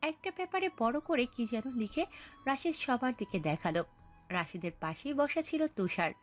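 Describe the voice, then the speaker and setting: A woman narrating a scripted audio story, telling it in an expressive storytelling manner. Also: fairly high pitch, moderate pace, soft background music.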